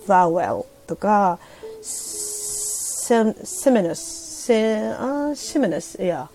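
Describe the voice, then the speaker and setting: Middle-aged woman from Japan, casual solo radio host, chatty and hesitant, low gravelly voice. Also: big pitch swings, dark tone, faint music behind. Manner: chatty, laughing, hesitant, switching between Japanese and halting English. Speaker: podcast host. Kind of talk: casual solo radio chat reading listener comments. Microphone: phone or desk mic on a streaming app.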